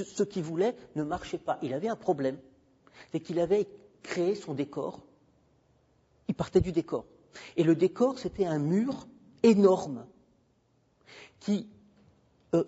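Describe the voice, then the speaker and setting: A man with a high-pitched, mellow, breathy-edged voice gives a university guest lecture into a handheld mic. He's emphatic and digressive, chatting freely with the room. Sound is dull and lo-fi, with long hall reverb.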